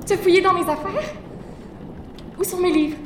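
In an audio drama, a woman plays a pious, prim, self-righteous teenage girl at boarding school who stammers and pleads. Her voice sits high and close to an everyday sound, at a moderate pace, with a noisy background. The recording is roomy, from a distant mic.

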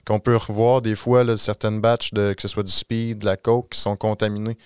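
Quebec French street worker, low smooth voice, rapid and informal. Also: male voice, little pitch movement, no echo, clean studio sound. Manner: fast, informal, peppers with "you know". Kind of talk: casual podcast discussion.

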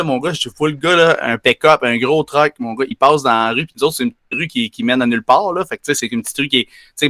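Fast, bright-voiced Quebec French man. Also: mid-range voice, dry recording, studio quality. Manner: animated, slangy, full of fillers. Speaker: podcast co-host telling a story. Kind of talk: casual storytelling chat.

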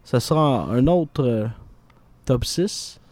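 A man hosting a radio show, brisk and friendly as he wraps up interviews and introduces segments. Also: medium pitch, expressive, darkish tone, dry recording. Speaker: radio host.

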